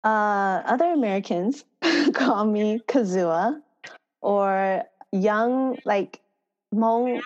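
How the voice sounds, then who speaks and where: Woman guest chatting easy, laughs a lot, kinda dull lo-fi sound. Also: mid-range voice. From Thailand. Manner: laughs often, relaxed storytelling with fillers. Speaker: farmer education manager. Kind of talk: casual interview conversation.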